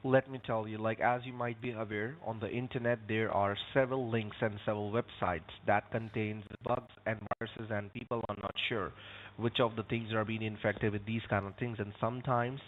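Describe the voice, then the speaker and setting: A polite man working as a phone support agent, pronouncing v like w and often saying sir. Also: lowish voice. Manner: says v like w; polite, repeatedly addressing the caller as sir. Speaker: phone scammer posing as tech support agent. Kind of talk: scripted phone support talk turning to chat. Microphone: phone call. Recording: tinny narrow phone line.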